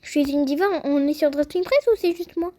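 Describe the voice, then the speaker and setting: A young woman with a high, light voice chats her way through a game, talking straight to her viewers. She sounds excitable and casual, reacting to everything as she plays. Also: brisk, slight background noise. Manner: chatty, excitable, addresses viewers directly. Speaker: gaming youtuber. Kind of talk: casual gameplay commentary.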